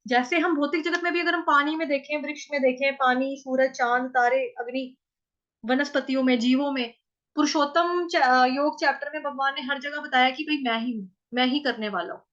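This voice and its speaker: Patient woman recitation teacher, bright tone, slow syllable-by-syllable drilling, dull recording. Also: sits high, steady tone. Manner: patient, repeats syllables slowly. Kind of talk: explaining and chanting verses.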